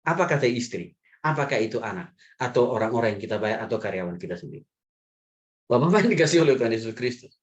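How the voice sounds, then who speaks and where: A male pastor giving a sermon in a lively, humorous way, chuckling often and addressing the men in the congregation directly. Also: medium pitch, quick pace, highs cut off.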